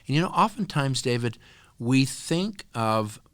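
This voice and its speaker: A man guest on a podcast, telling stories in an earnest, animated conversational way. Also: mid-range voice, a little slow, dry recording, studio quality. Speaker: podcast guest, nonprofit co-founder. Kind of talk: conversational interview storytelling.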